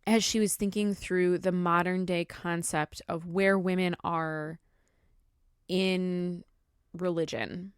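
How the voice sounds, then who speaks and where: A woman's voice: on the low side, fairly even intonation, takes it slowly, clean tone, no echo, studio quality. A woman hosting a podcast, recapping in an informal, giggly, chatty way. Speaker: podcast host. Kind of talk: casual chat, recapping a talk.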